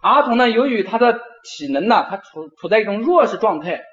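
A middle-aged man, a university professor, giving a lecture and telling stories with drawn-out particles. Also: sits high, muffled recording. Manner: animated storyteller, frequent drawn-out particles. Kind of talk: lecture with storytelling.

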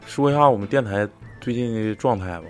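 A man with a Northeastern Chinese accent hosts a casual talk show. His voice sits at a middle pitch. He talks in an earthy, joking, sweary manner, with faint music in the recording. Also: fast, a little mellow. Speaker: podcast host. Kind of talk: casual chat with bantering commentary.

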